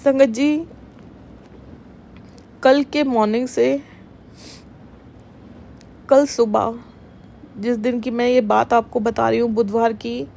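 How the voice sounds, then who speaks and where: Woman, middle-aged, devotional testimony, slow and emotional, slightly high voice, faint background hiss. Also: steady tone, vocal fry, dark tone. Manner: emotional, earnest, addresses listeners as sangat ji. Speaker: devotional satsang speaker.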